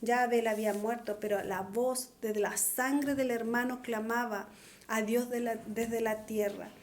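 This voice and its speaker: A woman's voice: on the high side, steady tone, unhurried, slight background noise. A middle-aged woman giving an earnest, pleading testimonial sermon. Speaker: preacher.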